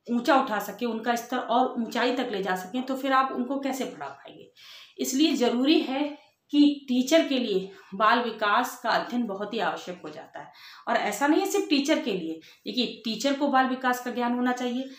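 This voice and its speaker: A woman's voice: a little high, fairly bright tone. A woman teacher giving an exam-prep lecture, explaining in simple words, asking rhetorical questions and checking in with "ठीक है". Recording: echoey room.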